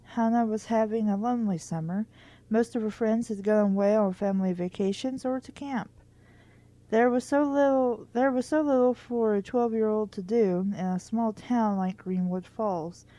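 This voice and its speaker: The host of a book reading series reads a children's book aloud in a relaxed, informal way, sometimes tripping over words and slipping in wry remarks of her own. Her voice is medium-pitched and mellow, at a normal pace, on a dry recording.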